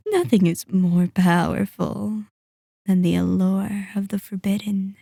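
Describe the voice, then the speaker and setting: A woman playing a seductive, sadistic vampire in an ASMR roleplay, courtly and teasing, with breathy murmurs. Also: mid-range voice, slow, warm tone, no echo, studio quality. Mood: seductive, admiring. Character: seductive, sadistic, possessive female vampire, toying host. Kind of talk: ASMR roleplay, scripted character acting.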